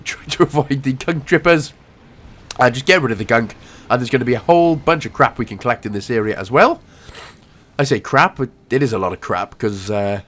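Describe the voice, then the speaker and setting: A man, ill with a cough, giving a casual, jokey commentary over a game walkthrough. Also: medium pitch. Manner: jokey, animated, self-mocking asides.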